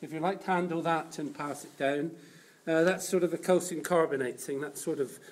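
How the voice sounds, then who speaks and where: A man working as a cathedral tour guide, explaining things informally and in a halting, unscripted way. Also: on the high side.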